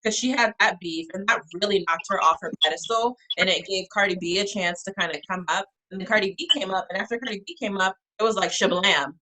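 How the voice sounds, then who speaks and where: A woman on a casual discussion panel, chatty and opinionated, making her case with quick asides. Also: medium pitch, bright, forceful tone, low-quality recording. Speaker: panel guest.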